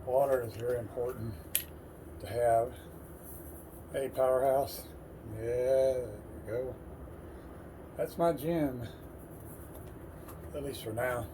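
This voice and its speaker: A man's voice: mid-range voice, fairly even intonation, takes it slowly, long pauses. A man in his sixties talking plainly and casually to his viewers as a motivational fitness vlogger. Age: 60s. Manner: plain-spoken, addressing viewers as folks. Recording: noisy recording with vehicle ambience.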